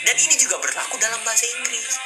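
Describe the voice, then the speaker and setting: A man's voice: very high-pitched, lively intonation, racing, loud music behind the voice. A man hosting a casual live stream, coaching viewers on public speaking and mixing English phrases into his talk. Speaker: livestream host. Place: indoors at a desk with a laptop.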